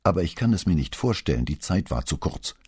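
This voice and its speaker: A man voicing a hoarse, urgent police inspector. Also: low voice, very animated, fairly quick, a little mellow, dry recording, clean studio sound, voice pushed up, heavily acted. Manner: urgent, curt. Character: tense middle-aged male police inspector.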